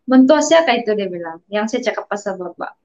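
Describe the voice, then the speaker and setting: A woman's voice: medium pitch, expressive, a little fast, darkish tone. A young woman with a Sabah Malaysian accent, chatting casually as a guest and mixing in English words. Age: young adult. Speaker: interview guest. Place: small indoor room. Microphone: wired earphones on a video call. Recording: dull video call audio.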